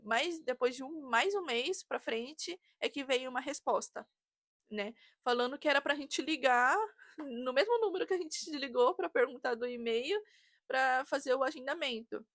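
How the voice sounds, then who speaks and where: A woman's voice: high voice, normal speed, dry recording, studio quality. A woman, telling a story casually and animatedly as a vlogger. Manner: chatty, animated, re-enacts dialogue.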